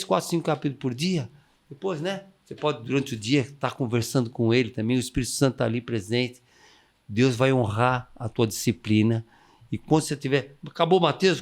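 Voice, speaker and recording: A man, a missionary guest giving enthusiastic, preaching-style advice and acting out the inner voices he quotes. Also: mid-range voice. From Brazil. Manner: exuberant, acts out quoted inner voices, calls for amens.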